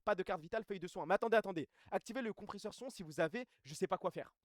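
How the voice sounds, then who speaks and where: A man streaming live, reading out reviews and news and answering his chat in quick, slangy speech. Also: sits high, no echo, studio quality. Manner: fast, slangy, reacts to chat. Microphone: streaming mic, gain adjusted mid-stream.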